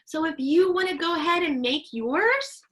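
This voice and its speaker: Her voice is very high, sing-song and a bit bright as she leads young children through a read-aloud lesson. Drawing out important words and keeping instructions simple, she encourages the little learners and praises them.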